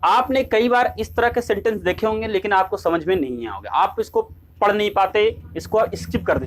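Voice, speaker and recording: Man teaching English grammar, often asking "ठीक है?". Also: high voice. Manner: repeats "ठीक है?" to check on students; asks questions and answers them himself. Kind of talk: classroom lesson explaining grammar.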